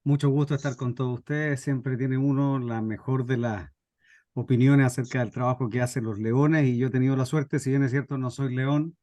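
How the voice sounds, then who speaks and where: Speaking at normal speed in a steady, mellow mid-range voice, this middle-aged Chilean radio drama scriptwriter and workshop speaker introduces himself to a group. He shares informal anecdotes with somewhat hesitant phrasing, on a dry recording.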